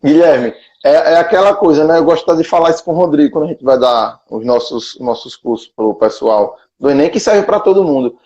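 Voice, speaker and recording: High-voiced host on dull audio. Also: male voice, brisk, few pauses, a little mellow. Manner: lays out ideas step by step. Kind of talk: casual live chat.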